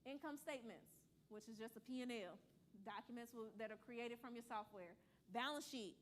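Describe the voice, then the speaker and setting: A fairly high-voiced woman leads a money seminar in front of a live audience. She talks in a lively, conversational way, acting out short back-and-forth dialogues and answering questions. A light hiss sits under the recording. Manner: animated, conversational, acts out dialogue, laughs. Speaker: financial educator presenting at a church seminar.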